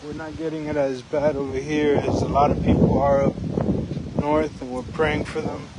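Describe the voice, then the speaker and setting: A man's voice: on the high side, little pitch movement, moderate pace. A man live vlogging outdoors by the water, raising his voice to be heard over the wind. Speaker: live streamer. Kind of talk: casual outdoor live vlog. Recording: outdoor recording with wind buffeting the mic.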